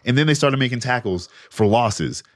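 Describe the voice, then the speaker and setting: A man's voice: mid-range voice, animated, normal speed, dry recording, clean studio sound. A man co-hosting a podcast in casual, profane, laid-back banter. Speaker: podcast co-host. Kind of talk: casual chat.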